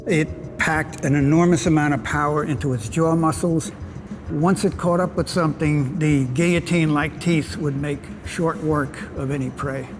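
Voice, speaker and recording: A middle-aged man speaking as an expert in a documentary interview, explaining things in a halting, unscripted way. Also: on the high side, steady tone, over music.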